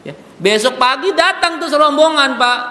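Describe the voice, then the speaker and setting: A male preacher, telling a sermon story in a lively, joking way and speaking straight to his audience. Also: extremely high pitch, moderate pace. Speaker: Islamic preacher. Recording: echoey hall reverb.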